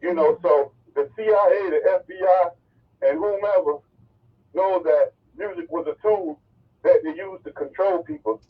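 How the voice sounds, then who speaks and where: A man's voice: sits high, big pitch swings, normal speed, husky, distant mic. Earnest male caller on a tinny phone line. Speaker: radio caller. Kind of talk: casual call-in chat.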